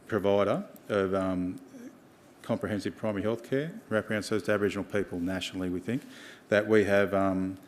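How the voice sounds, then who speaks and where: A man with an Australian accent giving an informal presentation in a halting way, with many ums and pauses. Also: on the low side, slight background noise. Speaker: health organisation presenter.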